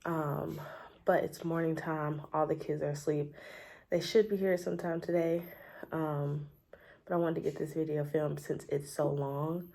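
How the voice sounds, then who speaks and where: With a cold making her sound stuffy and scratchy, a woman talks in a deep, steady, dark-toned voice that runs a little slow. A homestead gardening vlogger, she chats casually at her table at home and shows her things, filling pauses with frequent ums.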